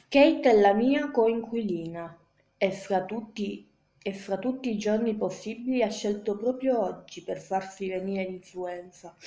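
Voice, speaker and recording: Amateur woman reader, slow halting delivery, frequent restarts, mellow voice, echoey room. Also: mid-range voice. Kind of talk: first-person novel reading.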